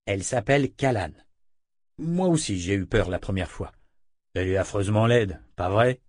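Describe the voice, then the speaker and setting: A man's voice: lowish voice, animated, moderate pace, a little mellow, no room sound. Guy doing a joking easygoing man in an audiobook, plain dry voice. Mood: playful. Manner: joking, playful. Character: teasing good-humored adult man.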